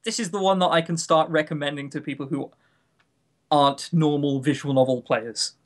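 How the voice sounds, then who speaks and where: On a casual review podcast, a male co-host with a fairly high voice makes his points with enthusiasm and heavy emphasis, slipping in jokes along the way. His tone is steady and his pace moderate.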